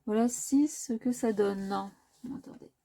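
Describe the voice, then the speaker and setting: A woman's voice: fairly high pitch, a little slow, mellow. A woman hosting a crafting tutorial, talking casually and hesitantly with many filler sounds and self-corrections as she works. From France. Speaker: crafting video host.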